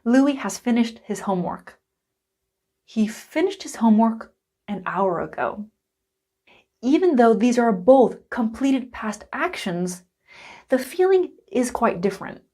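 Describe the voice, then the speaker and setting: A woman teacher giving a recorded English grammar lesson, explaining each point slowly and with clear emphasis. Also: fairly high pitch. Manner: slow, deliberate, emphatic explaining.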